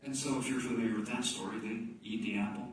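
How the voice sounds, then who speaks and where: A man's voice: medium pitch, fairly even intonation, fast, background noise. A male pastor delivering a sermon in a church, his voice rising with emphasis and falling to near whispers as he acts out quoted pleas. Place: church sanctuary. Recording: very echoey church, mic at a distance.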